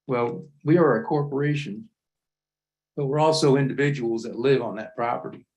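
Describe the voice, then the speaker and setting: Halting man making public comment. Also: medium pitch, a little mellow, low-quality recording. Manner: halting, repeats words while building his point. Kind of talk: public comment at a county meeting.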